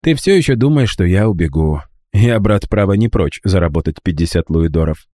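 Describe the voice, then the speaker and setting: A man's voice: low-pitched, animated, a little fast, dark tone, no echo, studio quality. A man playing a cocky street boy. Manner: cocky, mocking, coolly calculating. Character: cheeky cold-blooded street boy, young trickster.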